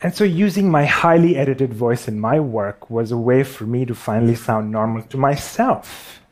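A man's voice: medium pitch, moderate pace. A man with a Pakistani accent giving a storytelling talk on stage, wry and self-deprecating.

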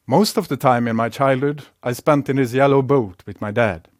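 A man with a Norwegian accent speaks in a calm, reflective way, pacing his prepared talk with measured pauses. His voice sits at an ordinary middle pitch. The sound is close and dry, with no room around it. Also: no room sound. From Norway.

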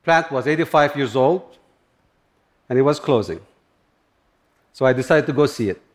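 A middle-aged man from Turkey, speaking halting in short phrases as he tells a personal story on stage. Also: mid-range voice. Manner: plain, halting non-native English with short phrases. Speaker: speaker giving a talk.

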